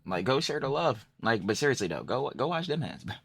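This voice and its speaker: A man's voice: mid-range voice, very animated, a little fast, vocal fry, a loud crowd, very noisy. A man hosting a casual reaction video, laid-back and slang-heavy, swearing freely and often laughing. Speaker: reaction host.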